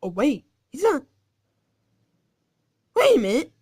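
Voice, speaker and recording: Giggly female game commentator, slightly high, unhurried; taunting whispers, sudden shouts. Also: wildly swooping pitch. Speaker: gaming channel host.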